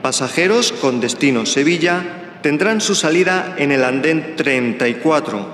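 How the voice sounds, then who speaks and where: A man playing a station announcer, giving a formal, measured public announcement like those in an airport. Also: a little high, lively intonation, a bit bright. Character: male station announcer calling train platforms. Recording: echoey reverberant hall, faint noise.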